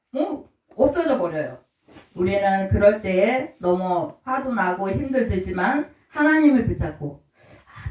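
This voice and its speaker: A fairly high-voiced woman preaching a sermon to her congregation. Her talk is homely, and she keeps asking the people questions to answer back. The sound is roomy and echoey, picked up from well away from the mic. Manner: homely, quizzes the congregation, call-and-response. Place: church service room. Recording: roomy echo, mic from far off.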